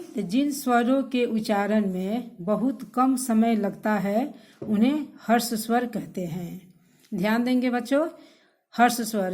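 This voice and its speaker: Woman teacher for a children's recorded grammar lesson, a little high-pitched, unhurried and patient. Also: darkish tone. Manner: patient, repeats definitions and addresses children directly. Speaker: school teacher.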